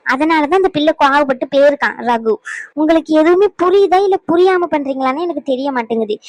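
A woman's voice: high-pitched, no echo, close to an everyday voice. A woman voicing a stern middle-aged mother-in-law who lectures and scolds her family in a cartoon drama. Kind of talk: Tamil cartoon drama voice acting.

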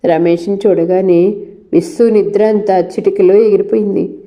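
A woman storyteller reading a novel aloud in steady, scripted narration. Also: mid-range voice, normal speed.

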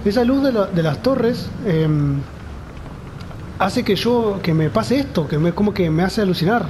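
Here a gamer narrates a horror game, his Rioplatense Spanish accent coming through as he mutters anxiously and scared to himself. The voice is high, expressive, unhurried and darkish in tone, on poor audio with a little hiss or hum.

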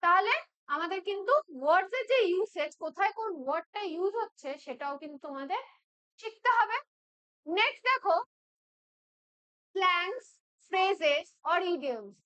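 A woman from West Bengal teaching spoken English in a classroom-style lesson. She keeps checking in with her listeners and says English examples slowly and deliberately. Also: extremely high pitch, lively intonation, sharp tone, lo-fi sound.

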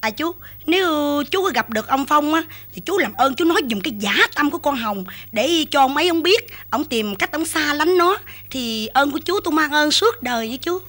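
A woman's voice: high-pitched, lively intonation, brisk, fairly bright tone. An actress playing a sad young mother who soothes her sick child. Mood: earnest. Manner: weary, soothing.

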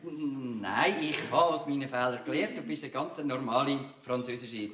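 A man with an Arabic-accented German playing a commanding, fast-talking schemer who bosses his group around in a stage comedy. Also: medium pitch, fairly bright tone, natural voice. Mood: bossy. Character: bossy Lebanese-Swiss family schemer. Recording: roomy, noisy stage recording from far off.

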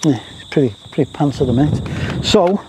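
A man's voice: a little high, expressive, moderate pace. A man giving chatty, self-deprecating, casual vlog commentary outdoors, often repeating his phrases. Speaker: landscape photographer, vlogger. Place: outdoors on a grassy rural roadside. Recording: faint outdoor noise with insects.

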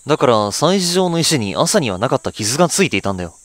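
A man's voice: medium pitch, sing-song, quick pace, no room sound, close to an everyday voice. A man voicing a stubborn, suspicious old village man with old-fashioned speech. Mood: stern.

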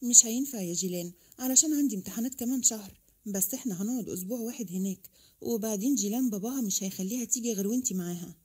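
A woman with an Egyptian accent voicing a proud, strict teenage schoolgirl, sharp and indignant. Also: a little high, rapid-fire, breathy edge. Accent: Egyptian Arabic.

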